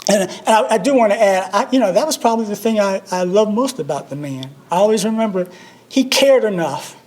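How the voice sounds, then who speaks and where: High-voiced older man telling stories. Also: lively intonation, a little fast, a little mellow. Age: 60s. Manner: humorous, self-deprecating storytelling. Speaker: alumnus speaker at a memorial service. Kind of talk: memorial tribute speech.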